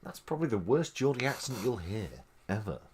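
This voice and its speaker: A man with a Manchester accent, hosting a casual live stream and reacting to old tapes with laughter, swearing and quick asides to his chat. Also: mid-range voice, very animated, a little mellow, slight background noise. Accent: Mancunian. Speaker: streamer host.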